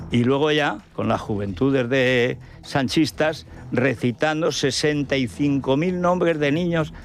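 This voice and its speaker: A radio host with a Spain Spanish accent delivers a combative, scornful monologue, firing off rhetorical questions. His voice is gravelly and his pitch swings widely. Faint music plays in the background. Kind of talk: opinion monologue.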